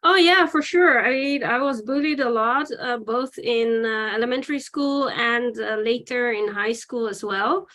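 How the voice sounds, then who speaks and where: Dutch-born woman in her forties, slightly high. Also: unhurried, few pauses, fairly bright tone. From Netherlands. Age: 40s. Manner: candid, reflective, with many "um"s. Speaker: podcast guest. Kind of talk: interview.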